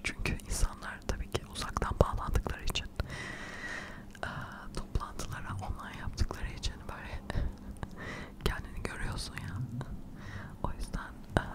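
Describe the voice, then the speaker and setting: A middle-aged woman whispering quietly in casual, rambling, self-deprecating ASMR chat, close to the microphone. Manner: quiet, hushed late-night whispering. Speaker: ASMR video creator. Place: furnished living room at home, indoors. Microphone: furry-covered microphone close to the mouth.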